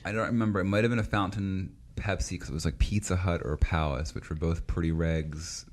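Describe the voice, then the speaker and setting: A man telling childhood stories in a casual chat, lively and laughing often, acting out quoted voices. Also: low voice, a little fast.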